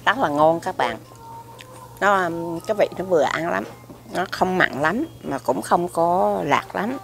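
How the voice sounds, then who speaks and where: A middle-aged woman food vlogger with a Southern Vietnamese accent gives a casual food review to the camera, seated at an indoor restaurant table by a window and recorded by a camera across the table. Her lowish, gravelly voice is unhurried, with a little hiss or hum in the audio. She fills her chat with fillers and repeated words.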